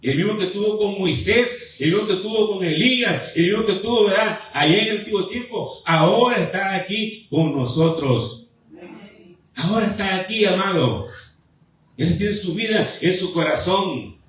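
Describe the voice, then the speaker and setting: A man preaching a fervent sermon in a church, his voice pitched high. He builds his appeals through repetition and pauses. The sound is very echoey, caught from some distance in the hall. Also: animated, fairly bright tone. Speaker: pastor. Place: church sanctuary.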